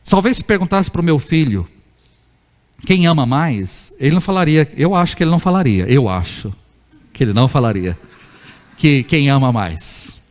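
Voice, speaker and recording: A man's fairly high voice carries through a church hall with a long echo. He is a middle-aged pastor who preaches in a chatty way. He asks the people question after question and acts out little family scenes. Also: sing-song, normal speed. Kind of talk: sermon.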